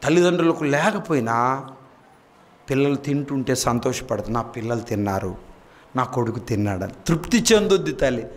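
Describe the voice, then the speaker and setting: A man preaching a sermon, moving from quiet storytelling to stretched-out shouted emphasis and quizzing the congregation for answers. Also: on the high side. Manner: asks the congregation questions and calls on them to answer.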